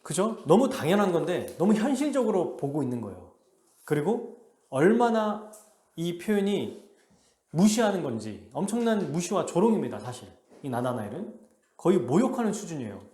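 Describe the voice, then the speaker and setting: A male pastor preaching a sermon with animated delivery, acting out the quotes he reads. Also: fairly high pitch, normal speed, roomy sound. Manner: animated, acts out quotes in a lively voice. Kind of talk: expository sermon. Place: church sanctuary.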